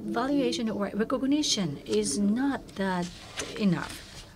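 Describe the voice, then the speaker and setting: A woman conference interpreter gives a consecutive interpretation of a keynote speech, halting, with many fillers, hesitations and restarts. Her mid-range voice is animated, and a crowd can be heard in the background.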